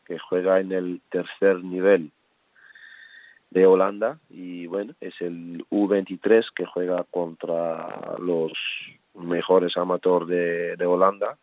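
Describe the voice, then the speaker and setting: A middle-aged man from the Netherlands, a former footballer now coaching, speaks over a tinny phone line. His voice sits very low, and he talks in a relaxed, halting way, restarting phrases often. The sound is dry and close. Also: dry recording. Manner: relaxed, hesitant, many restarts and fillers. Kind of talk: radio phone interview.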